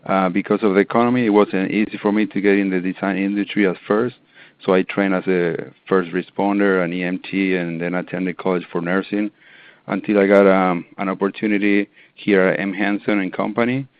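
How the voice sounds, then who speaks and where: An interior designer from Argentina gives casual interview answers over tinny phone-line audio. His voice is deep and steady, his delivery brisk yet hesitant, full of ums and restarts.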